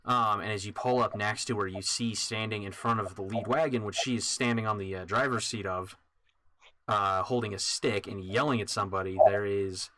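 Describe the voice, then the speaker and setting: A man narrating as dungeon master in a relaxed way with many pauses and fillers. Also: on the low side, slight background noise. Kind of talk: narrating a tabletop game.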